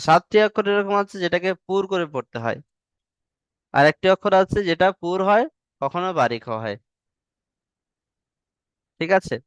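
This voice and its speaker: A man's voice: on the high side, smooth, no room sound. A male teacher, patiently drilling Arabic letters in an online class and stretching the sounds long. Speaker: Quran reading teacher.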